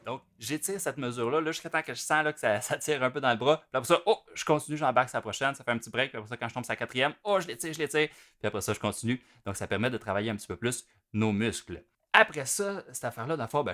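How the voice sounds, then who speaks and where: A man with a Québécois French accent teaching drums, explaining each step in a relaxed way as he demonstrates at the kit. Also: mid-range voice, quick pace. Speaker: drum teacher. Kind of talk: explanatory music lesson. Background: loud drum kit playing between phrases.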